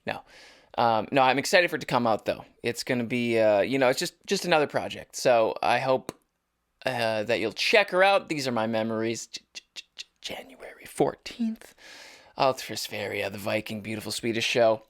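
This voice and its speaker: A man's voice: medium pitch, a little fast, a bit bright. A young man hosting his own podcast, talking casually and rambling, with frequent restarts and joking asides. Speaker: podcast host. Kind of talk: casual solo podcast monologue.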